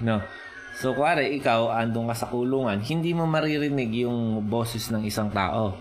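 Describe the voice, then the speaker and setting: A man preaching a sermon in mixed Filipino and English, explaining slowly and often checking in with his listeners. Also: mid-range voice, slight background noise. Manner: Taglish preaching, slow and explanatory, rising with emphasis.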